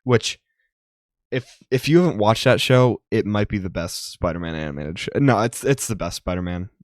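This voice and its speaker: This young podcast co-host has a fairly low, animated voice at a normal speed, rambling through casual chat with many ums. The sound is clean studio audio without any room sound.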